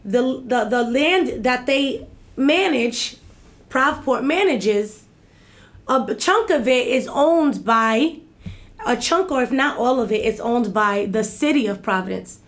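An activist group's executive director, a woman in her thirties, is a guest in a casual interview. Her voice is a little high, animated yet slow, and she stresses her points by repeating them and asking "right?"

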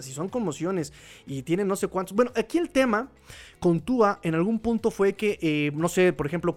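A Mexican man hosting a live podcast, reading chat comments and giving opinions in a chatty, laughing way. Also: a little high. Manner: chatty, opinionated, laughs often, repeats phrases. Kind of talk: casual live-stream commentary.

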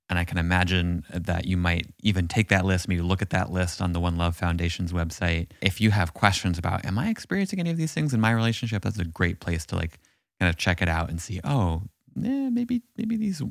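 A man's voice: low-pitched, gravelly, a bit bright, no room sound, clean studio sound. A man co-hosting a podcast, talking through relationship advice in a thoughtful, musing, encouraging way. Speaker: podcast co-host. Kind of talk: casual relationship chat.

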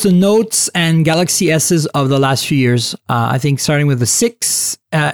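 A man hosting a casual tech podcast, talking in an animated, chatty way with lots of fillers and restarts. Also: a little high, smooth, no echo, clean studio sound. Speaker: podcast host.

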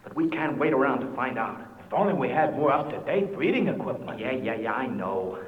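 An actor playing an eager, urgent, greedy diver in a puppet adventure series. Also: male voice, medium pitch, lively intonation, a little fast, a little hiss or hum, close to an everyday voice. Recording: dull, echoey, long reverb.

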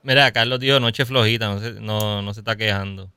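A man with a Puerto Rican accent hosting a casual livestream chat, lively and greeting viewers as they join. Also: on the low side, a little fast, clean tone, no room sound. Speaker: podcast host. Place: home at night.

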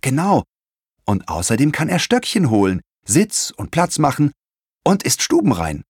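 A man voicing a clever, enthusiastic young boy in a storybook reading, with a keen, excitable delivery. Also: on the low side, normal speed, dry recording, studio quality.

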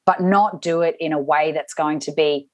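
Speaking with a deep voice and fairly even intonation, an interview guest reflects on a personal story at normal speed. She frequently starts over and performs other people's lines, with no echo in the recording.

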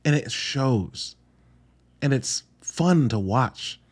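A man hosts a casual solo podcast reviewing films, speaking extremely slowly in an expressive, slightly rough mid-range voice. He's informal and earnest, often interrupting himself and rambling with emphasis.

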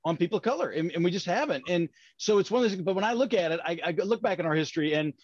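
Male interview host, Appalachian accent, high voice, rambling and rephrasing, close dry but slightly dull recording. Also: lively intonation, very fast, dry recording. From West Virginia, small town. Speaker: podcast host, company leader. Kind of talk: conversational interview.

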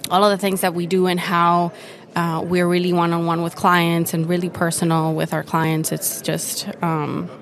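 Young woman from Venezuela, eager explainer with fillers, lower voice, interview at a conference. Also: flat delivery, normal speed. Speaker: guest, retirement account specialist. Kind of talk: conversational interview. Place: busy conference floor.

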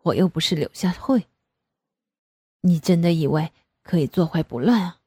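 A woman voicing a bashful, teasing adult father in a low, murmured storybook voice. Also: normal speed, mellow, slightly rough, no room sound, studio quality.

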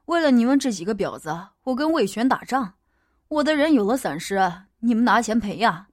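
A woman voicing a gloomy middle-aged male gang boss with a low, blunt and cold manner, as a character in an audiobook. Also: expressive, a little fast, darkish tone, no room sound, studio quality, close to an everyday voice. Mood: angry.

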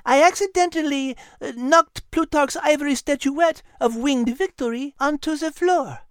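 A man reading a storybook, voicing a clever female animal with a French accent, eager and quick to connect clues. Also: extremely high pitch, no room sound, clean studio sound, voice pushed up. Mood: excited. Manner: marveling, quick to piece things together. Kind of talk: storybook character voice.

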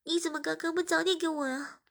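A woman's voice: steady tone, fast, creaky, a bit bright, full character voice. A woman doing a shy, flustered young woman. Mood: flustered pleading. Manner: high, pleading and pouting.

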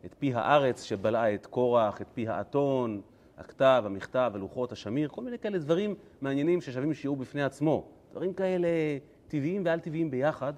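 A male rabbi gives a Torah lesson with a lot of humor. His pitch is medium but very lively, rising and falling as he acts out the story. He sounds animated and playful.

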